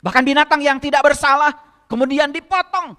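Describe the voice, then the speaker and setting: A spiritual teacher gives a sermon in a very high, steady voice with a sharp tone, speaking briskly and with a light tinge. He presses the congregation with rhetorical questions, and the recording has a long hall reverb.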